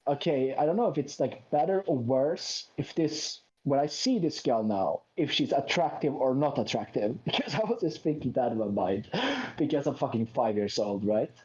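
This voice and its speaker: A man's voice: medium pitch, expressive, moderate pace, warm tone, breathy edge. A man tells a meandering story in easygoing chat, throwing in self-deprecating jokes and imitating other people. His voice sits in an ordinary middle register. The recording sounds dull and lo-fi. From Sweden. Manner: rambling anecdote with self-mocking asides and quoted voices. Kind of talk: casual chat.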